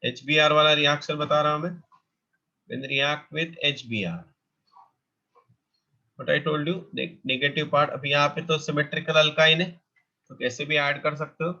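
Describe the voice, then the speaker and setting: A man teaching chemistry in a classroom lecture that mixes Hindi and English. He dictates formulas slowly, then explains in quick bursts. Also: on the high side, steady tone, pushed and bright, highs cut off.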